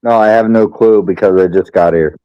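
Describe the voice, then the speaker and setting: A man's voice: fairly low pitch, steady tone, brisk, clean tone, dry recording, muffled recording. A man in a casual online debate who speaks bluntly and offhandedly.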